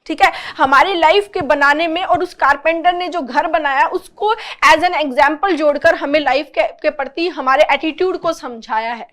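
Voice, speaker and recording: A woman teaching an exam-prep lesson, reading English lines slowly and explaining them, often asking "clear?" to check understanding. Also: high-pitched, a bit bright. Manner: asks checking questions, translates English lines into Hindi; reads the English text slowly and deliberately.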